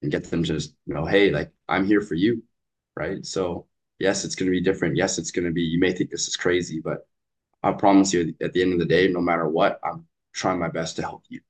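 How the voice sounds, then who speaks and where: A basketball coach from British Columbia, Canada, speaks earnestly as a guest on a casual podcast interview set in Vietnam, using frequent fillers and restarts. His low voice is steady and a little fast, and the audio quality is poor.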